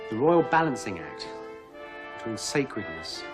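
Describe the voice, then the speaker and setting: A middle-aged man presenting a documentary in a lively storytelling way with wry asides. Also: mid-range voice, a little slow, music in the background.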